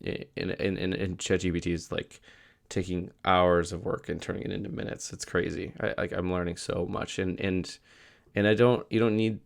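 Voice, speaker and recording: Deep and creaky, with fairly even intonation, a young man keeps a moderate pace and hardly pauses in his casual video diary. As a vlogger who is a little sick and losing his voice from a cold, he rambles with many fillers and restarts.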